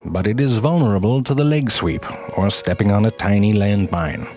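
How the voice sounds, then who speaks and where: A man's voice: on the low side, normal speed, darkish tone, faint music behind, natural voice. A man voicing a mock-serious nature documentary narrator with an old-time Philadelphia accent, savoring each syllable and dropping crude jokes in a grand tone.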